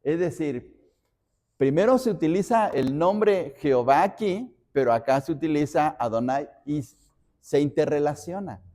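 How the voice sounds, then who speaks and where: A man's voice: fairly high pitch, expressive, a little slow, warm tone. A man from Mexico, a pastor teaching a Bible study, explaining word by word and repeating phrases as he reads references.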